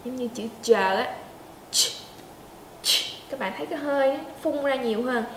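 Female pronunciation teacher, high voice, patient step-by-step demos, echoey room. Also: darkish tone, a little hiss or hum. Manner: demonstrates sounds slowly, asks learners to check in. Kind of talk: pronunciation lesson. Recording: echoey room with faint ambience.

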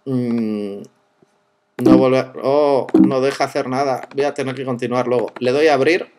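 A man's voice: medium pitch, steady tone, moderate pace, background noise. A man from narrating a screen-recorded tech tutorial, playful and joking with viewers, exclaiming as he goes.

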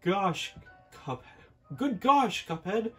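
A man putting on a terrified cartoon mug boy, squeaking high and stammering in panic. Faint music plays behind him. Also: animated, slow pace, slightly rough, exaggerated voice. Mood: panicked.

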